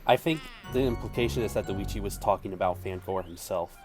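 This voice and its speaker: A man's voice: sits low, a little fast, a little mellow, faint music behind. A man chatting about a video game with friends, matter-of-fact and informative. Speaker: let's play commentator. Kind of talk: casual gaming commentary.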